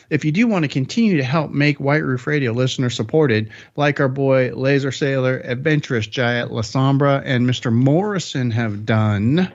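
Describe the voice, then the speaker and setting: A man's voice: mid-range voice, muffled recording. Upbeat rambling podcast host, man. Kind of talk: casual podcast chat.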